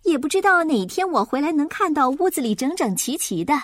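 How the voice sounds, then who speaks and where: A tired storybook mother, voiced by a woman, scolding in a lively, high voice. Her delivery is close and dry. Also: brisk, no echo. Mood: exasperated. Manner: exasperated nagging.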